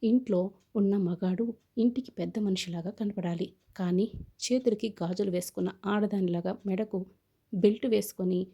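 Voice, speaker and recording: A woman's voice: mid-range voice, moderate pace, mellow, husky. A woman reading the lines of a proud, defiant young man who calls off his wedding, in a scornful, lecturing way.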